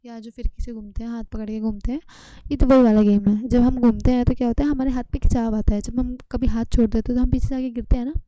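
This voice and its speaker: Dark-toned woman teacher explaining slowly. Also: fairly high pitch, fairly even intonation, no echo, poor audio. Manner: explains step by step, asks students rhetorical questions. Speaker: science teacher. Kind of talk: textbook lesson explanation.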